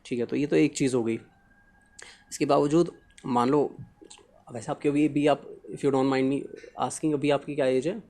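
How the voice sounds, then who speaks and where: A man hosts an interview podcast, speaking in an ordinary mid-pitched voice. His questions ramble conversationally and switch into English phrases now and then. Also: steady tone, unhurried, dark tone. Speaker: podcast host.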